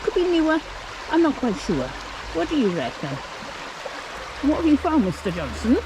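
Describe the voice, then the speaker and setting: Her voice is high and swings hugely in pitch as this vlog co-host talks at a moderate pace. Searching the bank of a woodland stream outdoors, she offers casual, curious musings and asks viewers for their thoughts, with noise in the background.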